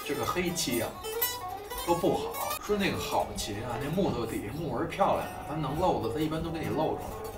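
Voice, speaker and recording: Fast-talking man with a Beijing accent. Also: on the high side, lively intonation, reverberant, distant mic, over loud music. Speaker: guitarist reviewing gear. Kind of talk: casual chat.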